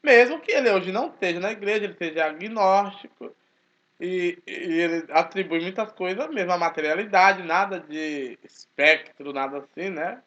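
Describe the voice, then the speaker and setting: A man, talking casually to his channel in a forceful, emphatic way. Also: high-pitched, normal speed. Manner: speaks forcefully, animated and emphatic. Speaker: channel host, Baptist churchgoer. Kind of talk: casual spoken commentary. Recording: dull lo-fi recording.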